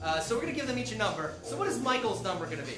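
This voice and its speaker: Lively woman hosting an improv show. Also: fairly high pitch, rapid-fire. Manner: chatty, laughing, filler-heavy. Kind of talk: live comedy hosting. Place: comedy club stage. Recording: echoey club from far off, crowd.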